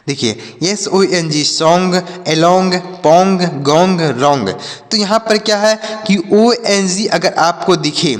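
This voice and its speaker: A man's voice: sits high, in a large hall. A man teaching an English reading lesson, spelling each word out letter by letter, then repeating it and answering his own questions. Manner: asks questions and answers them himself.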